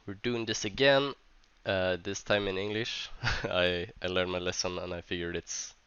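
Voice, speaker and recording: A tournament organizer from Sweden, speaking English as a second language with a Swedish accent, reads a vlog script haltingly, hesitating and restarting often while sounding stuffy from a cold. His deep voice is clear and resonant, a bit bright, with fairly even intonation. The recording has no echo, but the highs are cut off.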